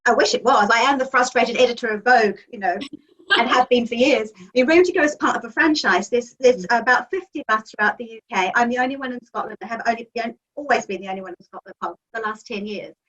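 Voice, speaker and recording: Speaking fast in a fairly high, slightly bright voice, this woman is a magazine editor from New Zealand chatting eagerly through an interview with plenty of ums. She's in a home office, and the sound comes through as distant, muffled lo-fi call audio.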